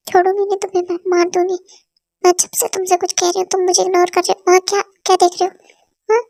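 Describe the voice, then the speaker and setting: A fiery young wife who scolds in rapid, insult-packed tirades, as a woman voices her for a fan-dub drama. The voice sits very high and barely moves in pitch. It is recorded close and dry, with no room sound. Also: darkish tone, no room sound. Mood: scolding. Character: young wife, hot-tempered, scolding and scornful.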